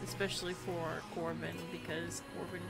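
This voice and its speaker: A woman's voice: lowish voice, little pitch movement, normal speed, creaky. Casual woman live streamer over music. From United States. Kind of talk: casual live stream chat while gaming. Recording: music playing behind the voice.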